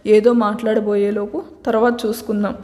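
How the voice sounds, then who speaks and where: A woman voicing a patient middle-aged mother who gently coaxes and advises her son. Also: mid-range voice, little pitch movement, brisk, long reverb tail, lightly acted. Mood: gentle, advising. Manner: gentle, coaxing, lecturing.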